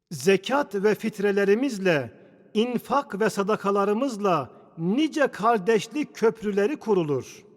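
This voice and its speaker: A man preaches a Friday sermon in a fairly high voice, drawing out each phrase in a slow, solemn recitation. His words ring on in the long reverberating echo of a large domed mosque hall. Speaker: imam.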